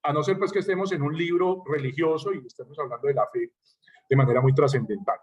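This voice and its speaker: Male writing teacher, higher voice, online lecture, mic a bit distant. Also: fast talker, darkish tone, muffled recording. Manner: explains patiently with spoken examples, checks in with "¿ya?".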